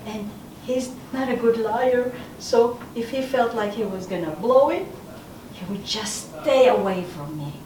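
A woman's voice: fairly high pitch, darkish tone, close to an everyday voice. A woman acting a bubbly, newly engaged woman hosting friends, reading her lines in a rush. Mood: giddy. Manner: bubbly, rushed line reading. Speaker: acting student. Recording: roomy classroom audio from far off, noisy.

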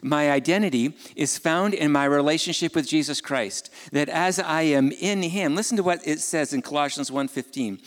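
Man preaching a sermon in a reverberant hall. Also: a little high. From Ukraine. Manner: conversational preaching with rhetorical questions and asides. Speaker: pastor.

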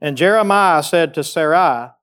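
A man preaching a sermon, reading scripture aloud and rising in pitch as he urges his listeners on in a plainspoken, folksy way. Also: animated, moderate pace, fairly bright tone, clear, resonant tone. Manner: reads scripture aloud, rises in pitch when exhorting. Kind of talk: sermon, Bible study teaching.

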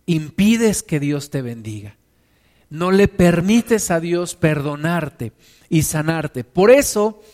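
Man preaching, high voice, emphatic repeated phrases, sermon. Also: darkish tone. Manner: emphatic, repetitive preaching cadence.

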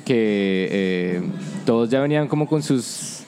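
A man from Colombia, raised in New York, a musician guest answering interview questions calmly and thoughtfully. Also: medium pitch, slow pace, a crowd in the background.

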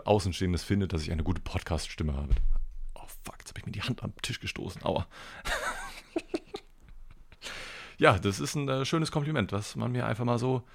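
A man hosting a podcast, telling a rambling everyday story in a casual, self-deprecating way and swearing now and then. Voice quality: deep gravelly voice. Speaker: podcast host.

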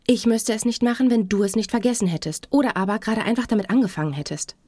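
A woman's voice: fairly high pitch, fast, dry recording, studio quality, close to an everyday voice. A woman reading a curt, worn-out wife. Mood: irritated. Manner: curt and sharp. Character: tired, frustrated wife.

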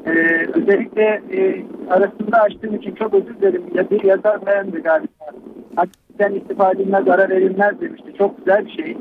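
A man's voice: high voice, fairly even intonation, fast. A man, a father, calling in over a landline phone and speaking earnestly and reflectively. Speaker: caller, father. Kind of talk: call-in radio phone chat. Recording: tinny noisy phone line.

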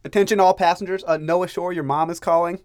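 A man voicing a mock train conductor making a loud, formal tannoy announcement in a raised voice. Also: high voice, steady tone, fast, voice pushed up, close to an everyday voice.

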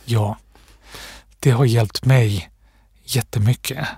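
Breathy man, thoughtful guest. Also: mid-range voice, steady tone, warm tone, no room sound, clean studio sound. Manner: thoughtful, pausing, with restarts and fillers. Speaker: author, guest. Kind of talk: reflective interview talk.

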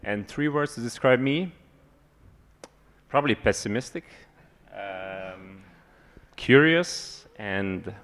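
A man with a fairly low voice introduces himself casually as an event guest. He talks at a very slow pace. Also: expressive, a bit bright.

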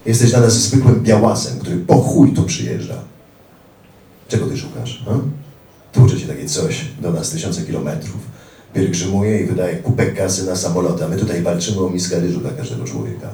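Man reading as a Naxalite fighter, sneering, lecturing, gravelly, dark, distant roomy sound. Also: sits low, a little fast, pitched above the performer's own voice.

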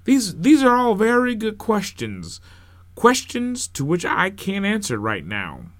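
A man voicing a calm male minister who speaks in a reassuring, measured way to his congregation in a storybook reading. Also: sits high, no room sound, pitched above the performer's own voice, heavily acted. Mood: soothing. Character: male small-town minister, calm and soothing.

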